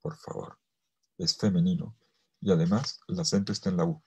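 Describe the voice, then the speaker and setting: A male priest giving a theology lecture, swinging between loud emphasis and soft, almost whispered phrases, and stretching key words slowly for weight. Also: low voice, steady tone, husky. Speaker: priest teaching a theology course. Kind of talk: theology lecture to a virtual audience.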